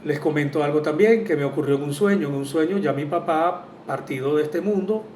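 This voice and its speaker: A man's voice: a little fast, a little mellow. Earnest man in a roomy echo. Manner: earnest and reflective, with frequent "eh" hesitations. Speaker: spiritual therapist. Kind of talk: casual spoken monologue. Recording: roomy echo from a distant mic, faint rumble.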